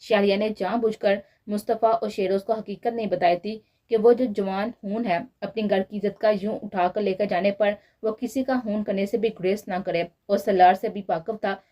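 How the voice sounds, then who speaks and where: Woman, novel narrator, steady storytelling, warm mellow voice, even pitch. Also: normal speed, few pauses. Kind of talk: novel reading.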